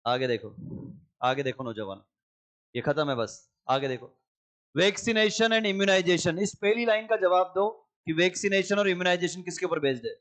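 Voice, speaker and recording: A young man lecturing a biology class in a lively, teasing way, acting out cells in little skits. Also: fairly high pitch. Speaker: biology teacher.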